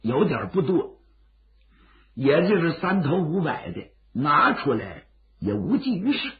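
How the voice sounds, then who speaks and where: A male storyteller voicing a steady, brotherly bandit ally in a traditional tale, gravelly and dramatic. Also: a little high. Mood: concerned, advising. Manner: dramatic, measured and colloquial. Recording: dull, lo-fi audio.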